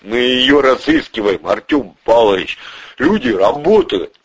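A man's voice: medium pitch, huge pitch swings, a little slow, husky, voice pushed up, heavily acted. A man voicing a tense, middle-aged police colonel who answers tersely and defensively. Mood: guarded. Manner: terse, muttered, defensive replies. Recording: dull lo-fi recording.

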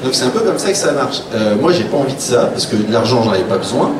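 A man with a mid-range voice talks fast, his pitch swinging widely, as he sits on a panel as an author. He shares blunt, wry anecdotes in a casual way and performs the quoted lines, all captured in a distant, roomy live recording of a public round table, with noticeable noise.

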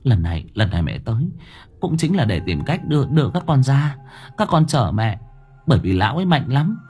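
A frightened young woman, as a male narrator puts her on stammers and repeats herself while she tries to calm the crying ghosts. Her voice is gentle and anxious, and it is raised a little above the narrator's husky tone. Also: on the high side, normal speed, soft background music, pitched above the performer's own voice. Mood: pleading.

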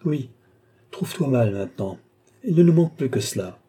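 A shrill imperious countess, as a man puts her on. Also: lively intonation, dark tone, husky. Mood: indignant. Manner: exclamatory, scolding, fast and shrill. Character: vain, theatrical court countess, woman, shrill and imperious. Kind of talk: audiobook character reading.

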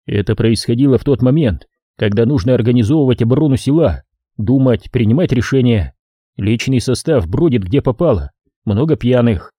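A man narrating a first-person war story as an audiobook reader, in steady storytelling. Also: medium pitch, normal speed, husky, no echo, clean studio sound. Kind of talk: audiobook reading.

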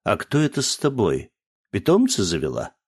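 A man voicing a playful old spaceship artificial intelligence in an audiobook, with a pleasant baritone and a familiar, self-mocking manner. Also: wildly swooping pitch, moderate pace, darkish tone, husky, exaggerated voice. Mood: teasing.

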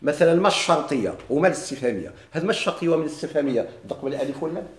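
A man's voice: a little high, lively intonation, rapid-fire, roomy sound. A man with a Moroccan Arabic accent teaching a grammar lesson to a class, posing questions and answering them himself.

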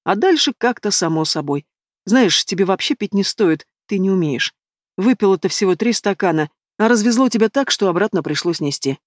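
A man's voice: high-pitched, expressive, fairly quick, no echo. A woman voicing a young man in an audiobook, a teasing and easygoing best friend, recorded dry and close. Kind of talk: audiobook character dialogue.

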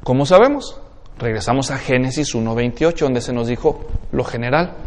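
A man's voice: medium pitch, lively intonation, fairly quick, big-room sound. A man with a Mexican accent preaching an expository sermon in a conversational way, often asking the congregation questions. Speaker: pastor.

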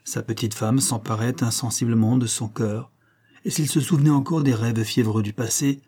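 A man reading a classic novel aloud as audiobook narration, measured and expressive. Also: medium pitch, breathy edge. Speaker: audiobook reader.

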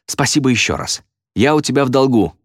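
A man's voice: mid-range voice, brisk, no echo, studio quality, voice pushed up, natural voice. A man voicing a weary, embarrassed father who speaks in a tired, clipped way in a storybook reading. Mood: wry.

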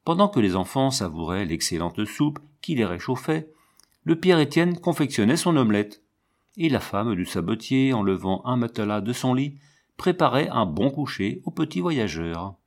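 A man narrating a classic children's novel as an audiobook, in a steady, measured storytelling manner. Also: mid-range voice.

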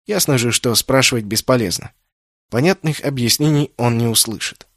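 A man reads a fantasy audiobook in a measured, even storytelling manner. His voice sits in a mid range, and the recording is close and dry with no room echo. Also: medium pitch. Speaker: audiobook narrator. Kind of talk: scripted narration.

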